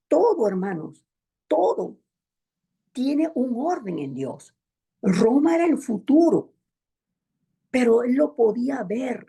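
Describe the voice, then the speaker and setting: A woman's voice: on the high side, mellow, breathy edge. A woman preacher delivering a Sunday sermon in a church, with an emphatic, repetitive cadence, often addressing the congregation as brethren. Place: church in Montreal.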